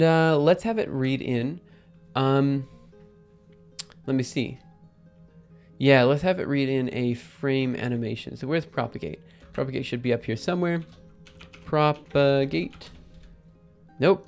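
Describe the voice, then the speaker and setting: A man hosting a live coding stream, thinking aloud in a halting, casual way with many ums. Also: medium pitch, darkish tone. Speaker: livestream host.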